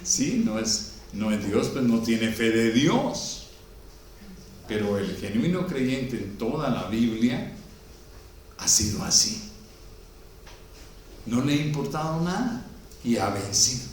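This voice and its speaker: A man preaching a sermon with a Guatemalan Spanish accent, swinging from loud exclamations to quiet storytelling. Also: medium pitch, sing-song, slow, long pauses, distant mic. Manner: preachy, rises to loud exclamations then drops to soft storytelling. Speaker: pastor. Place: church hall. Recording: echoey room, speaker off-mic, faint background noise.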